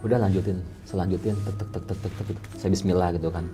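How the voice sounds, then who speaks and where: Speaking in rapid-fire bursts, this Depok makeup artist has a deep, mellow voice with fairly even intonation. In his interview story he uses casual slang and acts out tapping noises with a vivid "tek, tek."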